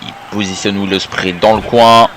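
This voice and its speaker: A man's voice: on the low side, steady tone, normal speed, a bit bright. A man giving wrestling commentary on a video game match, calling moves in short phrases alongside a partner. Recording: faint background noise.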